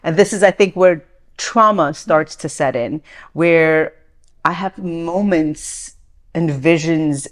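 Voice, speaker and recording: Born in Iran and in her forties, this woman speaks as an interview guest in a low voice. She is earnest and reflective, often restarting and using fillers.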